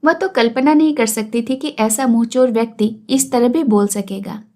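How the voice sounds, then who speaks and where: Brief: high-voiced woman storyteller, measured literary reading of a classic tale. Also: warm tone.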